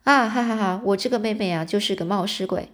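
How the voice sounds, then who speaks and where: A woman's voice: mid-range voice, brisk, natural voice. Glib, sociable male naturalist, hearty talker, read by a woman narrator, storybook style. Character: smooth-talking male naturalist, sociable adult. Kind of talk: storybook reading.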